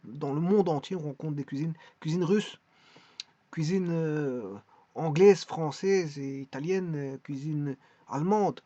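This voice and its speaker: A man with a slightly high voice rambles through a casual vlog, stumbling and restarting as he talks. The sound is dry and a little dull, like a lo-fi recording with no room around it. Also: darkish tone, no room sound. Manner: hesitant, many restarts and repeated words. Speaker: vlogger presenting a website.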